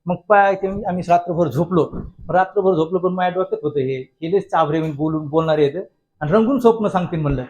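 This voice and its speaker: A man speaking with a noticeably high-pitched voice. He addresses college students in a humorous motivational talk. He spins a folksy anecdote and acts out each quoted line. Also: fast. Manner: folksy, lively anecdote-telling with acted-out quotes. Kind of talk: humorous motivational speech with storytelling.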